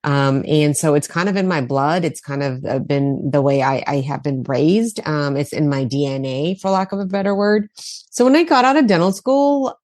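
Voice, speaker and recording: Low-voiced woman dentist, lively talk. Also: moderate pace, no echo, studio quality. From India. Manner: animated, with many fillers and repeated words. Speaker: guest, dentist. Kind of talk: casual interview talk.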